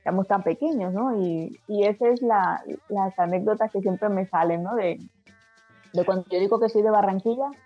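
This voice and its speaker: A woman's voice: mid-range voice, normal speed, breathy edge. A woman from Colombia, a guest in a casual interview, chatting easily with frequent restarts. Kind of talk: casual conversation. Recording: dull lo-fi sound with faint music.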